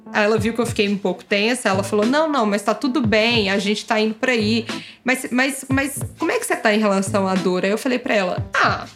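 A young adult woman casually telling her own birth story, acting out the dialogue in lively turns. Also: mid-range voice. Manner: lively, acts out quoted dialogue.

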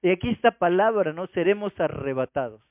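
A man's voice: high-pitched, animated, a little fast, no echo. A man preaching a Sunday sermon, expounding scripture and asking rhetorical questions. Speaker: pastor. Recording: tinny phone-like radio sound.

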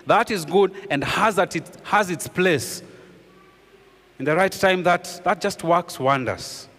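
A man preaching a sermon as pastor, earnestly repeating key phrases and dropping his voice low for emphasis. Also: slow pace, a bit bright, in a large hall.

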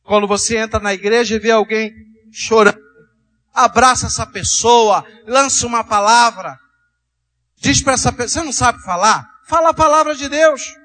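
High-voiced priest preaching a sermon. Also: male voice, fairly even intonation, normal speed, low-quality recording. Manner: storytelling preacher, drops soft and low for quoted dialogue, rises to exhortation.

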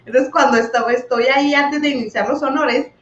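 Woman teacher, high voice, lively anecdotes, echoey muffled recording. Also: fairly quick, slight background noise. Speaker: teacher, co-host. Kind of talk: casual chat.

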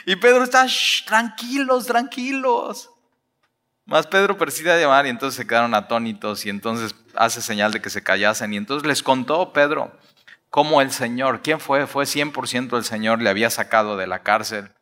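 Lively preacher in a reverberant hall. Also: male voice, medium pitch, brisk. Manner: lively storytelling, acting out the people in the story; laughs often and uses casual slang. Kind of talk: expository sermon.

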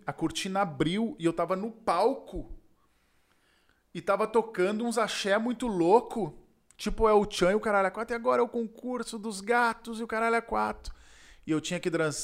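High-voiced Gaúcho man telling a story. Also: normal speed. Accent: Gaúcho Brazilian Portuguese. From Rio Grande do Sul, Brazil. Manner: animated, acts out quoted voices, slangy. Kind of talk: casual storytelling chat.

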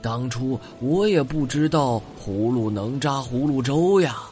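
A man's voice: medium pitch, animated, unhurried, a little mellow, soft background music, pitched above the performer's own voice, close to an everyday voice. A man voicing an urgent, resourceful old grandfather rabbit in a children's bedtime story. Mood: candid. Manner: urging, exclaiming.

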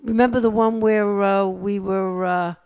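A woman's voice: medium pitch, fairly even intonation, measured pace, darkish tone, clean tone, dry recording, dull audio. An older woman with a New York accent co-hosts a community radio show, chatting casually and laughing easily. Her voice is dry and close, with no room around it. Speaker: co-host.

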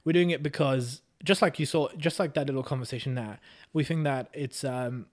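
A man's voice: medium pitch, a little fast. A man chats casually as a podcast co-host. His voice sits in an ordinary middle register. He talks in a wry, joking, self-deprecating way. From Hungary. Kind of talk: casual chat.

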